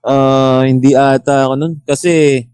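A man's voice: medium pitch, level tone, a little slow, a little mellow, clear, resonant tone, no echo. A man in an easygoing casual chat who keeps the talk going with prompting questions.

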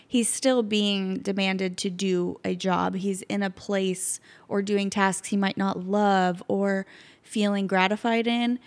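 A woman in her thirties co-hosting a podcast, talking casually and reflectively, often trailing off and restarting. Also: mid-range voice. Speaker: podcast co-host. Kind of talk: casual chat.

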